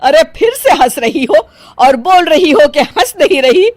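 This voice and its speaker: A woman's voice: mid-range voice, expressive, measured pace, a little mellow, no room sound, voice pushed down. A woman voicing a fussy middle-aged mother-in-law in a cartoon, scolding and easily offended. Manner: scolding, exasperated.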